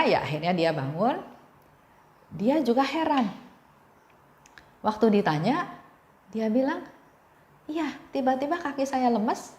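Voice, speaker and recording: Woman giving a gentle devotional talk. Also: on the high side, reverberant. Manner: gentle storytelling with repeated phrases.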